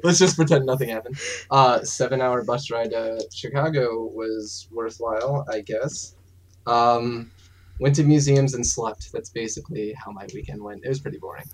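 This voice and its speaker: A man in casual podcast chat, sheepish and halting with plenty of hesitations. His voice sits at an ordinary middle pitch.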